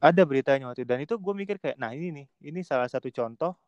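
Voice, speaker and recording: A man's voice: mid-range voice, expressive, rapid-fire, no room sound, lo-fi sound. A man talking casually and animatedly on a remote podcast from home, slangy and mocking online commenters. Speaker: podcast guest.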